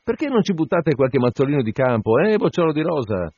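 A man voicing a brash, jovial sailor mate who talks in loud, teasing banter. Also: a little high, big pitch swings, brisk, husky, voice pushed up, full character voice. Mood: mocking, jovial. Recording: dull lo-fi dry recording.

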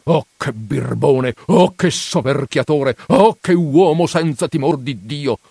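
A man's voice: fairly high pitch, lively intonation, takes it slowly, gravelly, dark tone, breathy edge, no echo, clean studio sound, pitched above the performer's own voice, full character voice. A man playing a nosy, pushy housekeeper woman. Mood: scolding. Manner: pressing, coaxing and scolding. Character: nosy, insistent middle-aged housekeeper woman.

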